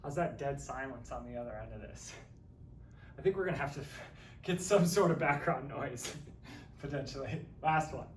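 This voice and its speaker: A man's voice: medium pitch, moderate pace, far from the mic, slight background noise. A man leading a workout class, joking and counting reps while exercising and a little out of breath. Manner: upbeat, joking coach talk, counting reps. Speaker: fitness instructor. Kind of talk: guided workout instruction. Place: empty room. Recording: echoey room, from away from mic.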